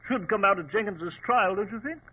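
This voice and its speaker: An actor playing an earnest, easily flustered gentleman doctor and loyal companion in 1940s radio drama style. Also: high-pitched, fairly quick, slightly rough, full character voice. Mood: puzzled, indignant. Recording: dull vintage radio recording.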